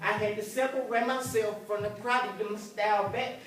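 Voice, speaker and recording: Captured from a distance in an echoey graduation hall, a young man raps his own song with a sung hook, slightly fast, in a high, fairly bright voice with fairly even intonation. There's a little hiss or hum on the recording.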